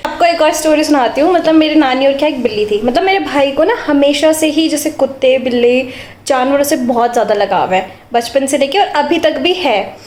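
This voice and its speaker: High-voiced chatty young woman vlogging at home. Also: lively intonation, a little fast, darkish tone. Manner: giggly, chatty, breaks into laughter telling stories. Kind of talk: casual vlog chat and storytelling. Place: home, kitchen. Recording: echoey room with faint background noise.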